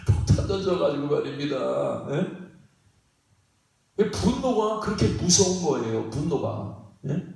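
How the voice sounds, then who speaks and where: Lively pastor preaching in an echoey church. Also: male voice, on the high side, slow pace, gravelly. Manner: folksy, repetitive, often prods the congregation with "예?"; chuckles between phrases. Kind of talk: sermon. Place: church sanctuary. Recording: very echoey hall, mic at a distance.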